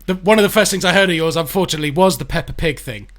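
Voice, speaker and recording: A man's voice: fairly high pitch, rapid-fire, a bit bright. A man co-hosting a podcast, complaining casually and swearing.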